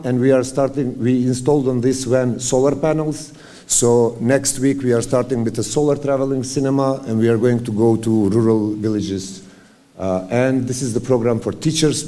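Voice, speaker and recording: A man's voice: medium pitch, dark tone. Man presenting slides at a forum. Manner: walking through slides, hesitant with many fillers. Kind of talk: conference presentation.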